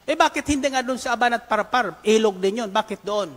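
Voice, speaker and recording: Man playing a haughty army general, outraged and scornful, shrill raised voice, long hall echo. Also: a little fast, a bit bright. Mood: grumbling. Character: indignant proud male army general. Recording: long reverb of a large hall.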